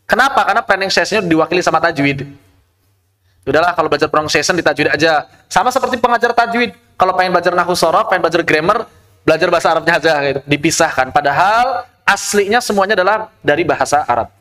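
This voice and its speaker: Bright-voiced male tajwid teacher. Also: a little high. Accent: Indonesian. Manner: explanatory, rhetorical questions, recites Arabic verse slowly. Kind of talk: online tajwid lesson.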